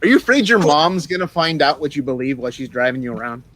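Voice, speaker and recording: High pitched dude talking fast, fed up and cursing in a panel argument. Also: male voice, animated, a bit bright, low-quality recording. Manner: aggressive, profane, exasperated. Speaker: podcast panelist.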